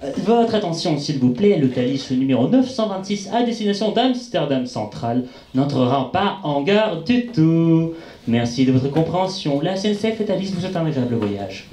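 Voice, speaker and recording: A man's voice: a little high, very animated, warm tone, slight background noise. A man playing an echoey intercom station announcer. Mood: formal. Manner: formal, measured public-address delivery. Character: deadpan male station announcer, dryly absurd. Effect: announcement over a station intercom.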